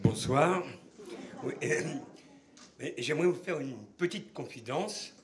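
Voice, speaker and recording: A man, a comedian, telling a deadpan stand-up monologue on stage. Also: a little high, takes it slowly, crowd noise. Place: theater stage. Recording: live stage recording with background noise.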